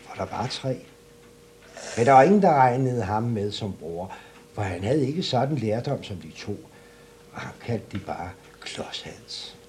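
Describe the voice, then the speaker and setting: A man reading a fairy tale aloud as a storyteller, in an expressive, animated way. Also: lowish voice.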